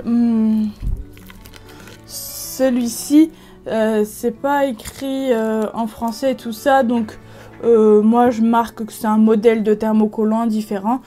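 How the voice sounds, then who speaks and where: A woman's voice: a little high, mellow. A woman from France talking through a craft tutorial at home in a casual, chatty way, with many fillers and restarts. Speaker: craft video creator.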